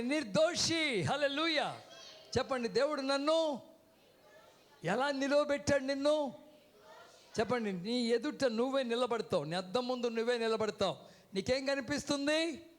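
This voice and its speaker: A man preaching a sermon from a church stage, calling out to the congregation and having them repeat words back. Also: very high-pitched. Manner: keeps calling out "hello" to the crowd. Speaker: guest preacher. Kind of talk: sermon with call-and-response.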